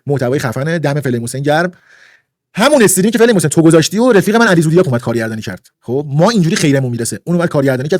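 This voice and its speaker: A man's voice: on the high side, no echo, clean studio sound. A man ranting indignantly on a livestream, lecturing and repeating his points for emphasis. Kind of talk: heated livestream rant.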